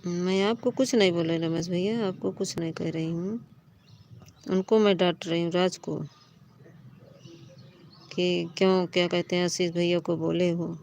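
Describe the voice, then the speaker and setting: A woman's voice: lowish voice, steady tone, unhurried, pauses often, darkish tone, slight background noise. A woman hosting a live stream, talking to her viewers in a pleading, reassuring way and scolding commenters who argue.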